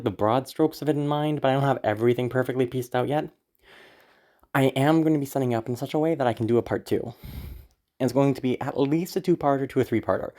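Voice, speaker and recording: Sick, with a tired and sore throat, an audio creator chats informally in a mellow, mid-pitched voice. They ramble and hesitate, sounding anxious and apologetic, and swear casually.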